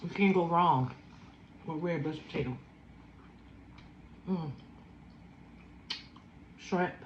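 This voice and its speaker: Slow low-voiced woman in her fifties. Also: reverberant, muffled recording, a little hiss or hum. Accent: Philadelphia. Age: 50s. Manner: slow, savoring, chatty with food sounds. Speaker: food vlogger. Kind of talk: casual eating chat.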